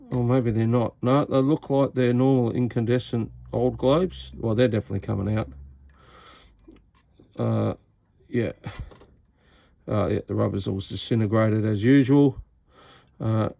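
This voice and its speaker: The Australian radio repair hobbyist sounds creaky and a little mellow at medium pitch, recorded dry. Looking over the gear, he offers offhand, practical remarks with a blunt, sarcastic edge.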